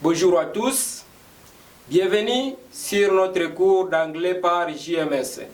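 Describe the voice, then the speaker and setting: A man from the Democratic Republic of the Congo teaching a beginner English lesson, slowly repeating every phrase. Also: sits high. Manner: slow, repetitive, spelling out each word. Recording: echoey room, voice from a distance.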